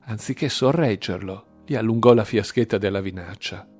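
A man reading a dark novel aloud in measured, dramatic narration. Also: on the low side, faint music behind. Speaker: audiobook narrator. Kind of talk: scripted narration.

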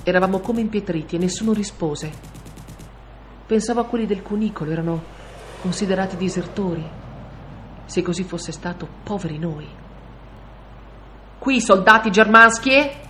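A woman narrating an audiobook in a measured, steady storytelling voice. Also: on the low side, slight background noise. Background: faint music.

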